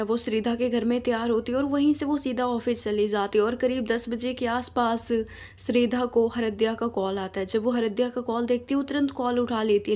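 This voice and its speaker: A woman's voice: fairly high pitch, darkish tone. A woman storyteller narrating a story in a plain, conversational way.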